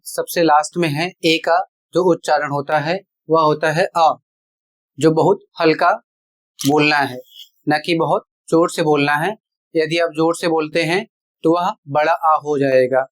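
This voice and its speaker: Slow, deliberate pronunciation teacher. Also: medium pitch. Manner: deliberate, repeats rules and examples step by step. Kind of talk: slow explanatory online lesson.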